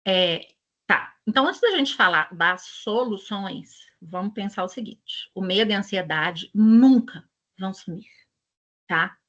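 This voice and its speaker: A woman's voice: mid-range voice, expressive, a little slow, fairly bright tone, dull audio. A woman with a Brazilian Portuguese accent, presenting an education channel and talking casually to her audience in a chatty, digressive, storytelling way.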